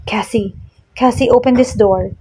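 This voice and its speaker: A woman's voice: fairly high pitch, steady tone, a little slow, dark tone, slight background noise, natural voice. A woman voicing a desperate young billionaire fiancé, urgent and pleading, in a read-aloud love story.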